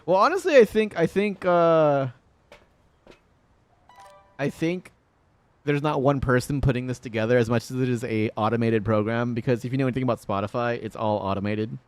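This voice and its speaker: A man's voice: medium pitch, moderate pace, dry recording. A man in his thirties streaming a game, chatting casually and jokily, rambling between stories and swearing now and then. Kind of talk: casual gaming stream chat.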